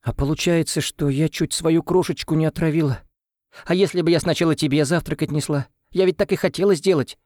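A man's voice: fairly high pitch, fairly quick, warm tone, dry recording, clean studio sound, voice pushed up, natural voice. A man voicing a frightened, doting elderly woman nanny who pleads breathlessly and tearfully in an audiobook. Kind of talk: audiobook character voice.

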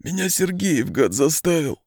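A man's voice: lively intonation, fairly quick, darkish tone, no room sound, clean studio sound. A man voicing a frightened, cowardly prison orderly who wails and pleads. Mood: pleading. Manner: shrill, pleading, wailing.

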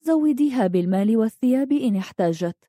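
A woman reading the lines of a sorrowful young princess in a faint, gentle voice. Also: fairly high pitch, animated, fast, dry recording, clean studio sound.

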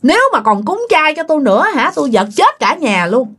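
A woman's voice: sits high, very animated, fairly quick, a bit bright, pitched above the performer's own voice. A woman voicing a raging ghost who scolds and threatens. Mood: threatening. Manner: scolding, ranting, demanding. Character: angry dead husband's ghost possessing a neighbor woman.

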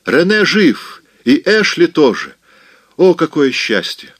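A man doing a shrill, overjoyed young woman. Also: slow, no room sound, heavily acted. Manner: high excited cries.

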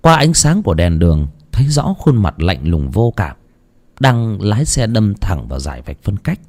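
A man narrating a ghost story in an expressive, dramatic storytelling manner. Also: fairly low pitch, normal speed.

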